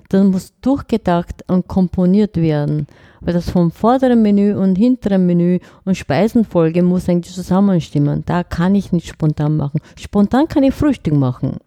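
Brief: Korean-native woman, mellow tone, dry close sound, animated and searching for words. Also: on the low side, dry recording. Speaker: chef, interview guest. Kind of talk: casual interview chat.

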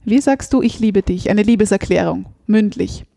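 A woman hosting an interview, asking her guest questions in a measured, articulate way. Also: mid-range voice, creaky, warm tone, no echo, studio quality. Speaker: interview host.

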